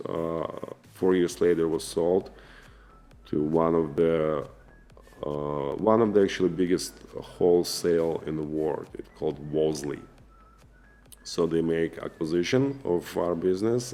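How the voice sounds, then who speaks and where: A man in his forties with a Russian accent, telling his own story to camera in an earnest, halting way with many fillers and restarts. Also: low-pitched, dark tone. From former Soviet Union. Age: 40s. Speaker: vlogger and businessman. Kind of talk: casual personal storytelling to camera.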